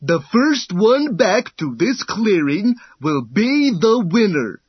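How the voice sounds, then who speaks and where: A man doing a slow, patient tortoise. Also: sits high, slightly rough, no echo, muffled recording, voice pushed up, heavily acted. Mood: calm. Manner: slow, calm and deliberate.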